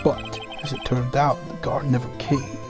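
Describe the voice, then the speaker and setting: A man's voice: medium pitch, level tone, normal speed. Man voicing a courtroom game. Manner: switching between courtroom characters. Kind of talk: voice-acted game playthrough. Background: music.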